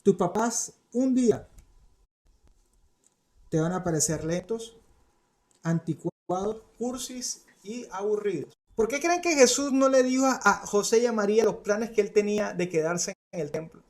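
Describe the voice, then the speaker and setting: A man preaching a sermon to parents and teenagers, animated and conversational with playful asides. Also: sits high, unhurried. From Colombia. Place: studio.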